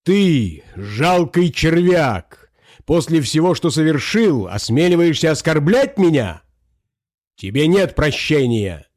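A man's voice: medium pitch, very animated, measured pace, dark tone, dry recording, clean studio sound. A man reading an audiobook, voicing a proud, dying empress who speaks with haughty solemnity. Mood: scornful. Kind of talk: audiobook character voice.

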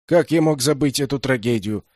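A man voicing a gruff, elderly retired doctor who lectures and scolds. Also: mid-range voice, brisk, darkish tone, no room sound, clean studio sound, lightly acted. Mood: sympathetic.

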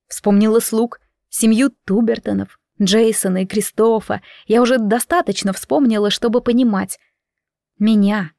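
A woman reading a dramatic audiobook aloud, slow and measured, voicing every character with emotion. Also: fairly high pitch, warm tone, dry recording, studio quality. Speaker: audiobook narrator.

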